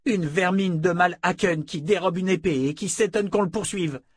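A man's voice: high-pitched, normal speed, slightly rough, dry recording, studio quality. Male reader voicing a tough female border sergeant, blunt and commanding. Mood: scornful.

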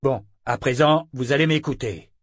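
A man doing a gruff, grumbling giant coachman. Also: medium pitch, measured pace, dry recording, clean studio sound, natural voice. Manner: grumbling, exasperated. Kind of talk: audiobook character voice.

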